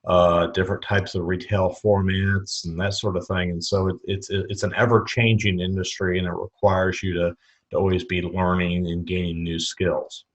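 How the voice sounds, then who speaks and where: His low voice holds a level tone at a moderate pace, and the recording has its highs cut off. The speaker, a middle-aged retail educator from the Chicago suburbs, is a thoughtful podcast interview guest who repeats words while restarting phrases.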